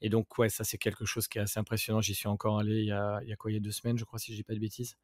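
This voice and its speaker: A man with a fairly low voice chats casually in an interview, recounting stories from his work as a guide. He talks loosely, full of "euh" and restarts. The sound is dry and close to the mic. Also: completely flat delivery, rapid-fire, no echo. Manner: chatty anecdotes with many fillers and restarts. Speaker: private tour guide and travel agency manager.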